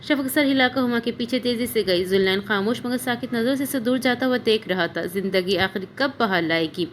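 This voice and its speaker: A woman reading a novel aloud in a steady storytelling manner. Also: a little high, fairly quick, a little hiss or hum. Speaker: novel narrator.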